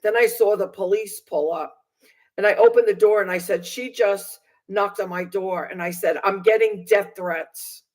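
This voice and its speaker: Speaking to her audience at a moderate pace and medium pitch, a vlogger in her sixties gives personal testimony. She is emphatic and clearly aggrieved, saying certain phrases again to hammer them home.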